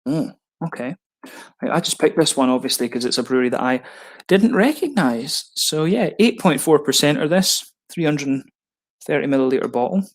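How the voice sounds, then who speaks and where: A man's voice: a little high, animated, moderate pace. A man giving casual unboxing commentary as a beer reviewer, chatty and rambling with frequent ums.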